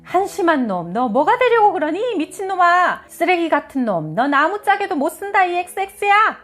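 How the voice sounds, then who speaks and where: A woman's voice: sits high, very animated, normal speed, voice pushed up. Woman acting out a furious foul-mouthed mother.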